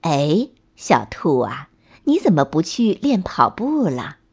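Woman doing a soft, sighing mother rabbit. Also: sing-song, slow pace, husky, heavily acted. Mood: resigned. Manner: low, soft, reproachful sighing tone. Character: patient mother rabbit, gently scolding and sighing. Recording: slightly dull lo-fi recording.

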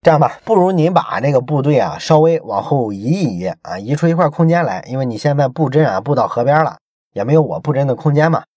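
A man voicing a smooth-talking male envoy who coaxes a king with exaggerated politeness, inside a retold history story. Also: medium pitch, expressive, fast talker, mellow, dry recording. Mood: coaxing. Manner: coaxing, overly polite.

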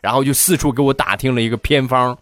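A man's voice: mid-range voice, fast, fairly bright tone, dry recording, soft background music. A man telling funny childhood stories in a playful, teasing comic monologue. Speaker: comedian storyteller.

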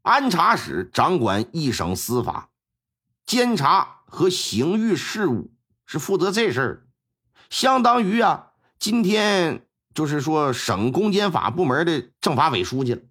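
A man's voice: fairly high pitch, a little slow, husky. A man telling a traditional Chinese historical tale as a storyteller, with chatty asides to the listener. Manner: lively, conversational asides.

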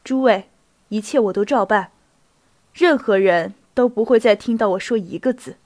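A woman's voice: fairly high pitch, lively intonation, a little mellow, no room sound. A woman reading a proud young count pleading. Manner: halting, pleading.

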